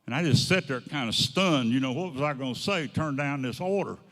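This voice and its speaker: Casual: guy spinning a folksy story, lots of "he goes, I said", mid-pitched voice ringing through a big echoey hall. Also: lively intonation, brisk, fairly bright tone. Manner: folksy, long chains of "he goes, I said". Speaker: guest speaker. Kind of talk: anecdotal storytelling talk. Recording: long hall reverb.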